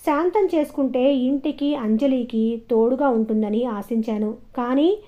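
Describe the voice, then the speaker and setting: A woman's voice: high-pitched, a little slow, dark tone. A woman storyteller voicing a middle-aged widowed father who talks earnestly and a little sheepishly, in a dull, lo-fi recording. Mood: pleading.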